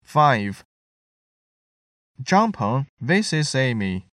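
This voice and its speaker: A man reading English listening-test items clearly and deliberately, repeating each sentence. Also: medium pitch, big pitch swings, fairly bright tone, no room sound, studio quality.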